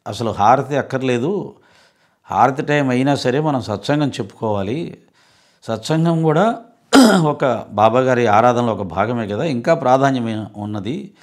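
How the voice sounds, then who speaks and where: A man's voice: medium pitch, expressive, normal speed, pauses often. A man giving a devotional scripture discourse as a satsang speaker, earnest and explanatory, often asking rhetorical questions.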